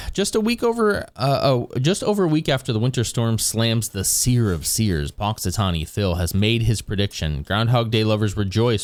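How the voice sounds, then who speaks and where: A man with a low voice, streaming live and rambling easily to his viewers. His pitch rises and falls a lot as he talks, and he breaks into chuckles often. The sound is dry and close, with almost no room echo. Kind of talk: casual chat with viewers.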